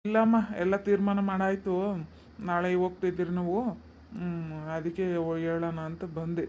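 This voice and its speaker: A man's voice: high-pitched, little pitch movement, moderate pace, a little mellow, slight background noise, close to an everyday voice. A man voicing a grown son in a cartoon story, firm and dismissive toward his mother. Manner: firm, dismissive, growing angry. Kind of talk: cartoon dubbing.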